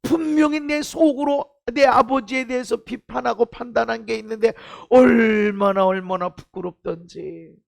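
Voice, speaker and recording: High gravelly-voiced dramatic preacher man. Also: steady tone, moderate pace. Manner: dramatic, swings from hushed asides to shouted emphasis; acts out quoted inner voices. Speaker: pastor. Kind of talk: sermon.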